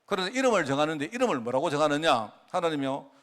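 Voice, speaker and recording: Middle-aged male pastor, lively sermon delivery, slightly high voice. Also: fast talker. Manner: animated, asks the congregation questions; acts out God's words in quoted speech.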